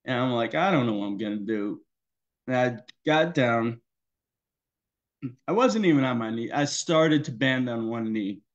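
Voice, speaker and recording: A male pastor giving a personal testimony in a worship service, in a conversational, halting way with many fillers. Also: mid-range voice, muffled recording.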